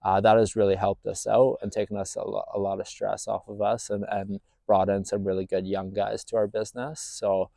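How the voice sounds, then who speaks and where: A man's voice: fairly low pitch, level tone, brisk, creaky, hardly any pauses, dark tone, no echo. A man in his thirties from Northern Ireland telling his story as a business owner, plain-spoken with lots of fillers. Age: 30s. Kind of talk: casual personal story to camera.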